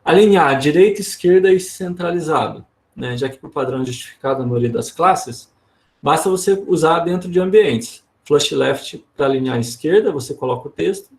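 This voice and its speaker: A man's voice: on the high side, animated, normal speed. A man giving an online workshop lesson in Brazilian Portuguese, explaining casually and often checking in with tag questions. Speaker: instructor.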